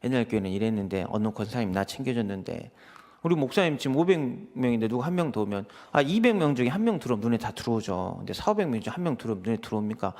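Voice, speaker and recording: In a mid-range, rapid-fire voice, an associate pastor delivers a chatty sermon. He tells personal stories with animation and performs the quoted exchanges within them.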